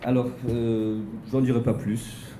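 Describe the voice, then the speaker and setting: A man's voice: medium pitch, level tone, takes it slowly, warm tone, reverberant, slight background noise. A man chairing an academic seminar, introducing the speaker with many hesitations and restarts. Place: seminar room.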